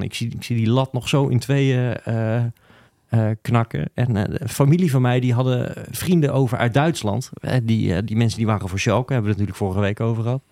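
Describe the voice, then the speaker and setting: A man's voice: medium pitch, a little mellow, no echo, studio quality. Dutchman with a broad Utrecht accent. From Utrecht, Netherlands. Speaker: podcast panelist on football history. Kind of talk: casual chat, storytelling.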